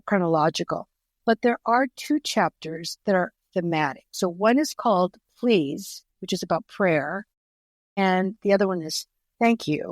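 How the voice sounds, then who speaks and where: In a dry recording, a medium-pitched older woman tells stories in an earnest, conversational interview as an author guest. Greek is her first language, and she frequently restarts her words.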